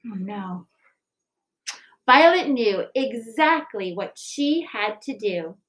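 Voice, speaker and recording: Speaking in a higher register, a woman from the school staff gives an expressive, unhurried read-aloud of a storybook, then shares news with families about a recipe book project. The recording quality is low.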